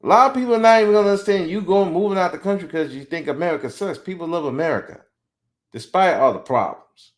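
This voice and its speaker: This podcast host is a man in his forties with a high voice and a quick delivery. Blunt and animated, he offers strong opinions and now and then mocks the people he quotes.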